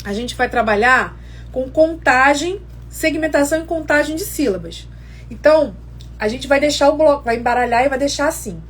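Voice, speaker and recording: A woman's voice: sits high, expressive, moderate pace. A woman explaining literacy games step by step in a casual live lesson, often checking in with viewers. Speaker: educator teaching literacy games.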